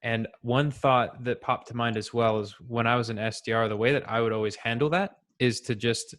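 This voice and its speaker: A man, a former sales rep, chatting casually on a group call, relaxed and full of "like". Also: medium pitch, a little fast. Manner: relaxed, chatty, many "like" fillers.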